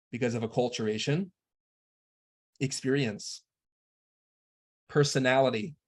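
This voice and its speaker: A man delivering a spiritual lecture in a measured, earnest instructional manner. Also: mid-range voice.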